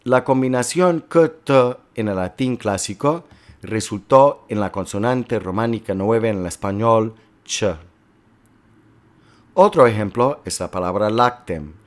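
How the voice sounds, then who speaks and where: A man lecturing slowly and carefully, working step by step through examples as a teacher. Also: fairly low pitch, lively intonation. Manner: slow, careful, explanatory delivery with worked examples. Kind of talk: recorded lecture on historical linguistics.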